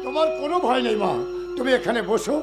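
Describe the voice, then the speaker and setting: A pious older official speaks in a high, declamatory voice that sounds fatherly. He stays upright and proud. Stage music plays behind him. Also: expressive, fast. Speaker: government inspector. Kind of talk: jatra stage acting.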